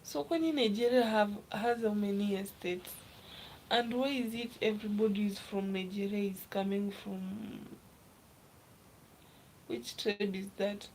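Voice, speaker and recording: A young woman from Kenya chats on a live stream in a slow, unhurried way, greeting viewers and reading their comments aloud. She often slips into a soft, half-whispered voice at a mid pitch. Faint noise hums behind her phone recording. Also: steady tone, low-quality recording. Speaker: livestreamer. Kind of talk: casual live stream chat.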